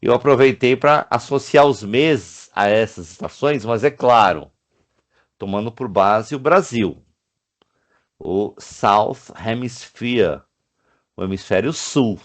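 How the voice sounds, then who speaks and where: A man from Brazil teaches an online English class at a slow, patient pace. His voice sits low, and he reads English words aloud one at a time. He keeps checking in with his students as he talks. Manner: frequent checking tags like "né?" and "ó".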